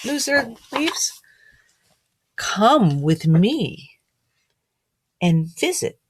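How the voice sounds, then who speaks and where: In a medium-pitched voice on a dry recording, a middle-aged woman who teaches reads a picture book aloud to kids. She breaks in with friendly, questioning asides, gently and frequently asking the children things in a child-directed way.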